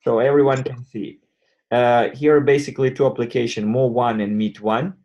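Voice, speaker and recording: A man hosting an online community call, explaining things step by step in a halting way. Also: mid-range voice, fairly even intonation, darkish tone, highs cut off. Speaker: host presenting a crypto wallet.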